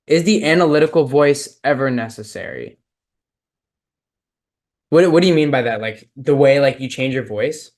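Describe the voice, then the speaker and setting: Casual young man from Texas coaching. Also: mid-range voice. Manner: casual, filler-heavy coaching talk. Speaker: speech and debate coach. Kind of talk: online lecture with Q and A.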